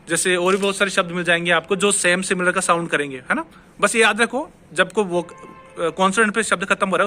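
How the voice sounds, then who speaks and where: A man's voice: high-pitched, sharp tone, slight background noise. A man teaching Spanish pronunciation in an online lesson, explaining step by step and answering his own questions. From India.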